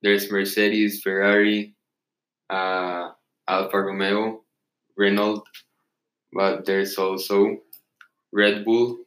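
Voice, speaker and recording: A young man as the expert guest in a casual interview, giving halting answers with pauses. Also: lowish voice, little pitch movement, a bit bright. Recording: echoey room.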